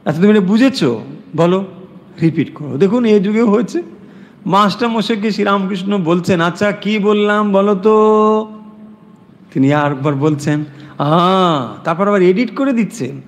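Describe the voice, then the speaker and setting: A man teaching a scripture class. He explains Sanskrit verses word by word and slows down when he recites them. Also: high-pitched, animated. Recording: long reverb in a hall.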